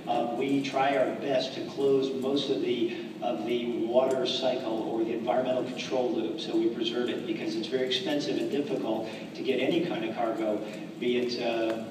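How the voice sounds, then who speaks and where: A man, an astronaut, answering students' questions in an earnest, measured way over a space station radio downlink. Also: mid-range voice. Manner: earnest, measured, with frequent restarts. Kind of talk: casual explanatory answers. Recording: echoey, distant, noisy radio link.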